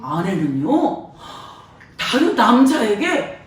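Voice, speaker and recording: Telling children a Bible story, this woman preacher is lively and slow, laughing often and acting out voices in a high voice that rises and falls widely. The mic seems far away, and heavy echo fills the church hall.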